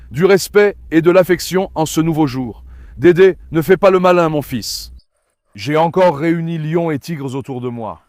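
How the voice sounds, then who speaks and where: A man with a fairly high voice hosts a casual dog vlog, recorded dry and close. He coaxes his dogs with affection and pleads with his viewers. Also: a little mellow, dry recording. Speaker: dog breeder and vlog host.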